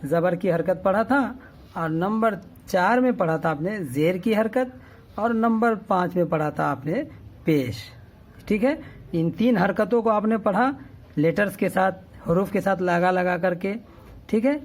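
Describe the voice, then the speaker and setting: A man teaching the Urdu alphabet step by step, patiently repeating each vowel sound and often checking in with the learner. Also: high-pitched. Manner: patient, repetitive, checks with "okay?".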